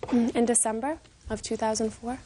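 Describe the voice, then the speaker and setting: A woman's voice: a little high, fairly even intonation, normal speed, dark tone, a little hiss or hum. A young adult woman giving explanatory testimony as a plaintiff in a TV court.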